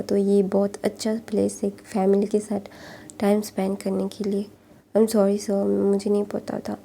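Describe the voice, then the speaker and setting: Gravelly, dark-voiced woman telling a story. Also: medium pitch, a little hiss or hum. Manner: retells in a loose, halting way with many fillers and restarts. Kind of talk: casual retelling of a fan fiction story.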